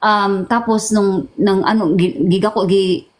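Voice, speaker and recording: Halting Filipina woman telling her story. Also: medium pitch, fairly even intonation, rough recording. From Philippines. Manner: halting, repeats and restarts words, mixes Tagalog and English. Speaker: interview guest. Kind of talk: emotional personal testimony.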